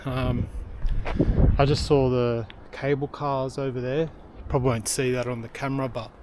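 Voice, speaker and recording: A man's voice: medium pitch, level tone, moderate pace, noisy background. Breathless man vlogging on a hike. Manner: rambling, many ums and uhs. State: out of breath from hiking uphill. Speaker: travel vlogger. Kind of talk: casual walking vlog narration. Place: outdoors on a hillside trail. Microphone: handheld camera.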